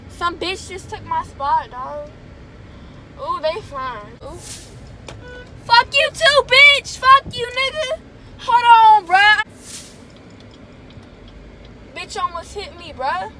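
A young woman vlogging from inside a car on a phone held at arm's length, talking casually in slangy, profane speech and getting loudly worked up. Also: very high-pitched. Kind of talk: casual vlog chat. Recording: phone recording with loud car and street noise.

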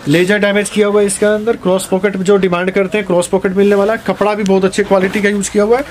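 A male jeans shop owner pitches his stock, reeling off prices and sizes at a rapid clip. His voice sits high, and faint shop noise runs underneath. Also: flat delivery. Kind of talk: sales pitch showing products. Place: garment shop.

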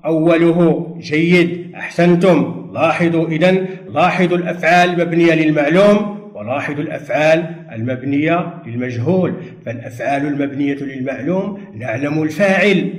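A man teaching a primary school Arabic grammar lesson for television, speaking patiently and drawing out words, with pauses for pupils to answer. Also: a little high, roomy sound. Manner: patient, slow, drawn-out drilling with pauses for answers. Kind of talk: televised distance-learning lesson.

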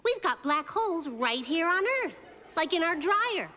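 High-pitched bossy little cartoon girl. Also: sing-song, unhurried, sharp tone, full character voice. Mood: wry. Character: bossy, quick-witted little girl, self-assured and wry. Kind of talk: children's cartoon voice acting. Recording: background music under the voice.

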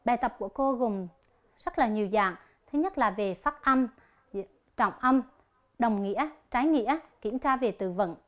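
A woman teaching an English lesson on television, slowly explaining each exercise and reading the answer options aloud. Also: on the high side.

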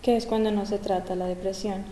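Casting: woman host of a community health talk, mellow tone, echoey gym recording. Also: medium pitch, little pitch movement, fairly quick, a little hiss or hum. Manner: clear, guiding questions. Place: large school gym. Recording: roomy echo, long gym reverb.

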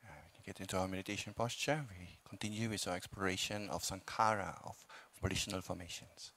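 Calm and unhurried, a Buddhist monk teaching meditation offers gentle guidance in a low-pitched voice. His instructions come in short phrases with long pauses in between.

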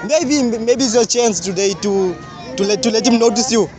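A young man with a South African accent, interviewing people on a street at night. He talks with a handheld mic, is playful and says "okay, okay" over and over. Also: high voice. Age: young adult. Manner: fast, repeats "okay, okay" often, playful. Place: busy street at night, outdoors. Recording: street crowd noise behind.

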